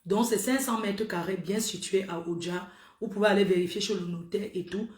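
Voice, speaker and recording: A woman's voice: mid-range voice, fairly even intonation, brisk, a little mellow. A middle-aged woman, hosting a casual livestream and scolding her viewers in an exclamatory way. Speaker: livestream host. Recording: roomy echo.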